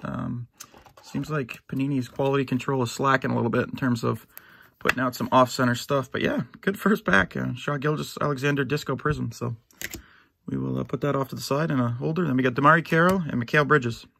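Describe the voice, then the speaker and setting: A middle-aged man opening a box of sports cards for his channel, easygoing and rambling with lots of fillers and restarts, a little hoarse and clearing his throat now and then. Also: mid-range voice, a little fast, bright, forceful tone, a little hiss or hum. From United States. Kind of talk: casual box-break commentary. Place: at home, in his basement.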